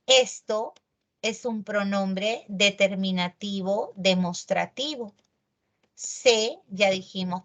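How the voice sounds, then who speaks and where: Slow, emphatic woman teaching grammar. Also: mid-range voice. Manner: animated, emphatic, checks in with tag questions. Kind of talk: online grammar lesson.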